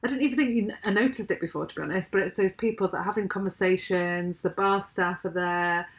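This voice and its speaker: A woman co-hosting a relaxed podcast at a mid-range pitch. She speaks thoughtfully and chattily, filling pauses with little ums and uhs as she gathers her thoughts. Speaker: podcast co-host. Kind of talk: casual podcast chat.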